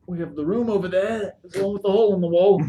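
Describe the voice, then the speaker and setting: High-voiced man running a tabletop game. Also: quick pace, warm tone. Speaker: game master. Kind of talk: improvised tabletop game narration and chat. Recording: noisy home recording.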